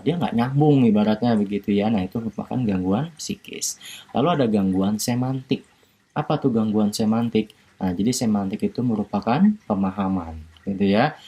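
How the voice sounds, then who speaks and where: A male university lecturer giving a recorded online lecture, explaining slowly with many fillers and tag questions. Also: lowish voice, dark tone, slightly rough.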